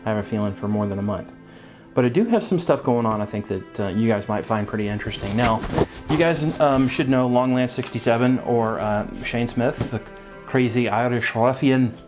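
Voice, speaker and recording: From his workbench, a man gives a casual update on his scale model hobby channel, rambling in a relaxed way with plenty of ums and uhs. His mid-range voice moves at a brisk pace over music.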